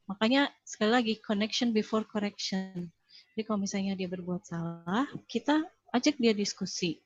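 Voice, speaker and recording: A woman's voice: medium pitch, moderate pace, no echo, dull audio. Earnest woman teaching parents. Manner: earnest, instructive, addresses parents directly. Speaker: parenting speaker. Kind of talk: webinar talk.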